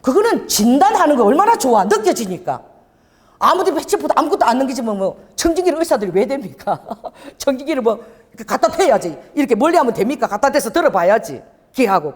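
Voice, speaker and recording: A middle-aged woman pastor preaching a sermon in an animated storytelling manner, with laughter and quoted voices. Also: high-pitched, big-room sound. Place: church sanctuary.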